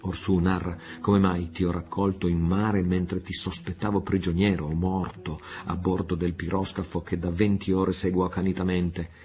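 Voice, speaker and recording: A man voicing a warm-hearted sea captain who talks in an eager, friendly way. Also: low-pitched, flat delivery, normal speed, few pauses, natural voice. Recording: faint music underneath.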